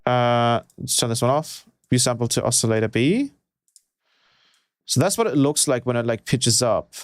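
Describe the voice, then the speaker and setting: A music producer thinks aloud casually and hesitantly while working through a livestream tutorial, musing as he experiments. His male voice is mid-range at a moderate pace, with synthesizer music in the background.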